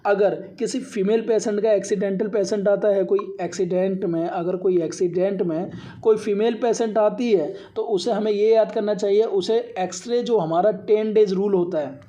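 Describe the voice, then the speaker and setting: Teaching from slides, this radiography instructor goes point by point, reading items aloud before re-explaining them in a repetitive way. He has a high-pitched, warm voice with fairly even intonation and a moderate pace.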